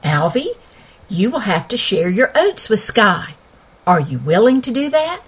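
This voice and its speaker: Woman voicing a kindly storybook mother, calm, gentle, slow, husky. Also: medium pitch.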